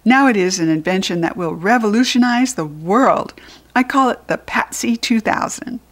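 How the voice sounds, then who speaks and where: A woman's voice: mid-range voice, animated, moderate pace, close to an everyday voice. A woman voicing a proud, suspicious brainy schoolboy inventor in a children's storybook, pedantic and showing off.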